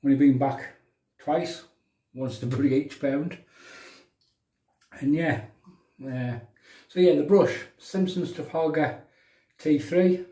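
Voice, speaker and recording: Mellow County Durham man, echoey bathroom. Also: a little high, slow pace, pauses often. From County Durham, England. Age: middle-aged. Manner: matey, bantering. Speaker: livestream host of a shaving show. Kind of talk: casual live chat with viewers while demonstrating shaving. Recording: roomy bathroom echo, distant microphone.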